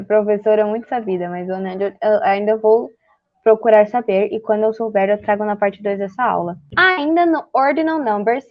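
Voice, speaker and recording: A young woman from Brazil teaching an English lesson in a casual, chatty way, full of fillers and quick self-corrections. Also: a little high, no echo, muffled recording.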